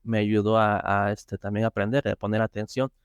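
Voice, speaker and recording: Male guest, low clear voice, halting, filler-heavy, casual interview, dry sound. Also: flat delivery, no echo. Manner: hesitant, many fillers and restarts. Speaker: interview guest, software tester.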